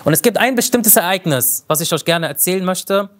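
High-voiced man telling a religious story. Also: animated, fairly quick, a bit bright. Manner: vivid storyteller who explains terms as he goes. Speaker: religious lecturer.

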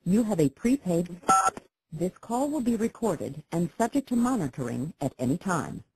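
A woman's voice assistant prompt for a phone system, low and dark, with a husky edge. She gives scripted announcements and reads out digits one by one. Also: sing-song, normal speed.

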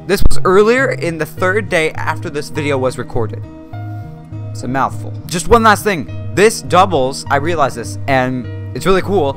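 A young man vlogging from a dark room at home into a desk mic, rambling, joking and correcting himself constantly. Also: a little high, expressive, normal speed, soft background music. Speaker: YouTuber. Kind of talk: rambling self-deprecating vlog.

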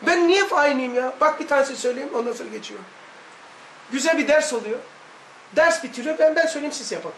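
High-voiced man teaching in an echoey room. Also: expressive, quick pace, fairly bright tone, a little hiss or hum. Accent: Laz Turkish. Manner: emphatic, repetitive, rhetorical questions. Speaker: religious study teacher. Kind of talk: religious lesson talk.

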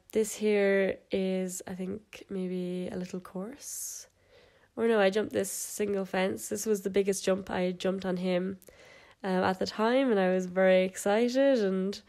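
A young adult woman with a mid-range, somewhat dark voice narrates videos of her horse as an equestrian vlogger. She has a cold, so she sounds stuffed up and nasal. Her delivery is casual and chatty, full of fillers and little laughs.

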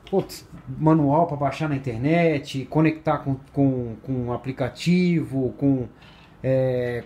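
Seated indoors at a table beside a large sunny window, a man presents a product informally for a motorcycle accessory shop, speaking to camera and repeating points for emphasis. His voice is a little high and mellow, and background ambient noise is present.

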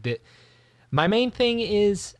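A man hosting a casual podcast chat, animated and rambling, often restarting his sentences. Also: sits high, slow pace, dry recording. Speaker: host.

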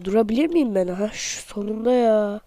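A man giving excited let's-play commentary, joking and talking to himself as he plays. His voice sounds off because he is sick. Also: high voice, normal speed, no room sound. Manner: playful, excitable, jokey, talks to himself while playing; self-mocking. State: voice off from being sick. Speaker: gamer, channel host.

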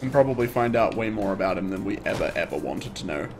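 A man's voice: sits low, animated, fast talker, soft background music. Chatty man streaming a game. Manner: chatty, joking, laughs often. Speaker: let's play streamer. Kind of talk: casual live-stream commentary.

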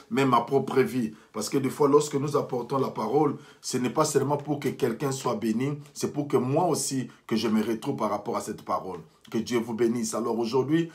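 A man preaching a sermon as pastor, earnestly, often restarting phrases and blessing his listeners. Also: mid-range voice.

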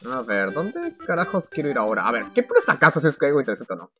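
A man's voice: mid-range voice, wildly swooping pitch, rapid-fire, sharp tone, soft background music. A man giving casual, crude and sarcastic commentary while playing a video game. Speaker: gameplay commentator.

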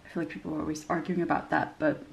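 Very fast and full of fillers, a young woman chats descriptively about a handbag in a casual review made in a small room. Her low voice keeps a level tone with vocal fry, and she sounds a little nasal from a recent cold.

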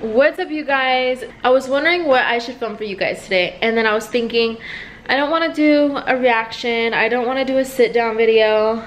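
Woman, twenties, home vlogger; high chatty voice, rambling to a handheld camera. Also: moderate pace, slight background noise. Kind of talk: casual vlog talk to camera. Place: home living room, indoors. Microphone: camera held at arm's length.

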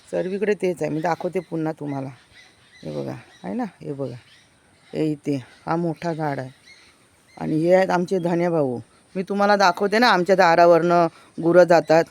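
Birds chirp as a Konkan woman strolls between village houses, guiding viewers on an outdoor tour. Her voice is fairly low, creaky and darkish, and she's full of enthusiasm, constantly asking people to look.

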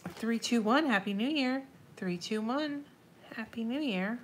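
The audio is poor, with a slight hiss or hum, and the woman's voice sits a little high and moves a little slowly. Her nose is stuffed up, making her sound nasal as she decorates a planner at an indoor desk on a livestream, chatting casually, muttering to herself, answering viewers and occasionally swearing.

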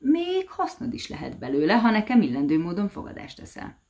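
A woman's voice: medium pitch, wildly swooping pitch, voice pushed up. A woman voicing a sly, mocking male devil who hurls friendly insults in a storybook tale. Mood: taunting. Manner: taunting, name-calling, loud outbursts.

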